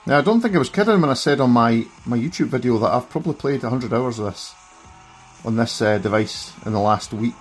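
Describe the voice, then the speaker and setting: A middle-aged Scottish man with a broad accent chats casually through a gameplay stream. His voice is husky and his manner self-deprecating. Faint music plays behind him. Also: mid-range voice, lively intonation, a little fast. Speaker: streamer reviewing a gaming handheld. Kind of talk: casual live gameplay commentary.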